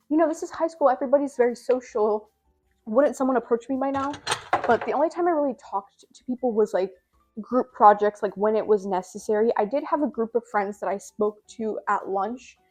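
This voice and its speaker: A woman's voice: a little high, a little mellow. A young woman vlogging in a casual, rambling way, full of "like" and "you know", a little out of breath with a scratchy throat. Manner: rambling, filler-heavy, self-deprecating. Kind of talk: casual chat to camera.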